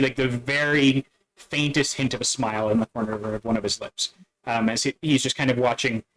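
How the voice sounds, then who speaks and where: A man narrating a tabletop game as dungeon master, halting and full of fillers and restarts. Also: medium pitch, fairly bright tone, low-quality recording.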